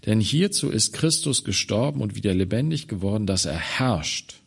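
A man preaching a sermon on a Bible passage, swinging from loud emphatic phrases to quiet low ones. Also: animated, gravelly, breathy edge. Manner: slow, deliberate delivery.

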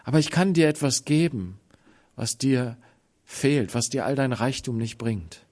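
A man preaching a sermon, telling stories dramatically with sudden swings between loud and soft and acting out the voices of the people in them. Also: medium pitch, lively intonation, unhurried. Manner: acts out the voices of people in the story.

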